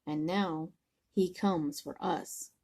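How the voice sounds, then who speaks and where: A worked-up little male chihuahua from a picture book, played by a woman reading aloud. He stresses each word slowly and emphatically, as if warning his friends. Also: deep voice, steady tone, a little mellow, breathy edge, exaggerated voice. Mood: urgent. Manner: drawn-out, emphatic listing. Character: excitable male chihuahua of a storybook gang.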